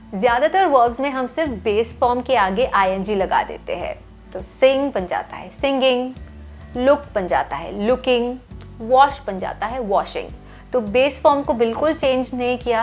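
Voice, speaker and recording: A woman teaching English grammar rules in a clear, step-by-step way. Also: fairly high pitch. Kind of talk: scripted lesson voice-over. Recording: faint music behind.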